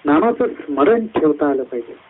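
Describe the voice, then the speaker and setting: A man giving a devotional discourse at a satsang, climbing high through lists of words and slowing down on key phrases. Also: expressive, slightly rough. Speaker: satsang speaker. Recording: tinny phone-like line.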